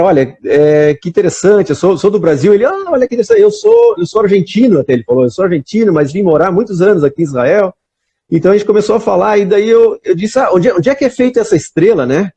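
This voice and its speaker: The lo-fi recording captures a man's high, mellow, slightly rough voice with a Brazilian Portuguese accent. As a guest on a casual live video call, he rambles through stories, often starting over and adding "né?" constantly.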